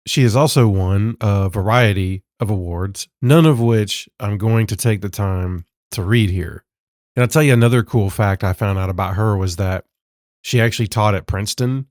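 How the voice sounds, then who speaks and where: Male podcast host, lowish voice, sarcastic and chatty, a bit rough from a cold, dry close sound. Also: darkish tone, dry recording. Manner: sarcastic, self-deprecating, conversational. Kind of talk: casual book-review monologue.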